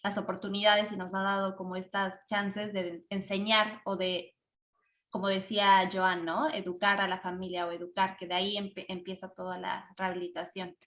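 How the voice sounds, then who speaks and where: Woman, panel moderator, measured, roomy echo. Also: medium pitch, flat delivery, fairly bright tone. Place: video call. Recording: echoey room.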